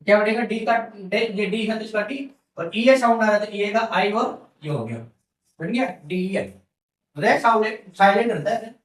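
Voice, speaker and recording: A man teaching a lesson, his voice high for a man. He drills each word by repeating it and answers his own questions. He sounds echoey and far from the mic. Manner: repeats words slowly, asks questions and answers them himself. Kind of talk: classroom lesson.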